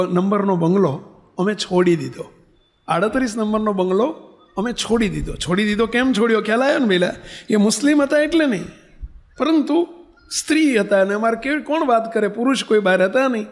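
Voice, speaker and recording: High-voiced storytelling monk. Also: male voice. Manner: vivid storyteller who acts out dialogue. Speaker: monk preacher. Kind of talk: sermon storytelling.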